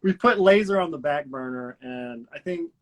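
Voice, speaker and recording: A man's voice: on the high side, expressive, moderate pace, rough recording. A young man, a guitarist and vocalist, chatting casually in an interview, telling rambling stories with laughs and crude language.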